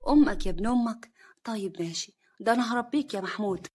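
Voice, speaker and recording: A woman voicing a scheming, spiteful young wife who sneers and shouts, in a husky, breathy voice. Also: mid-range voice, fairly even intonation, rapid-fire, lightly acted. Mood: furious shouting.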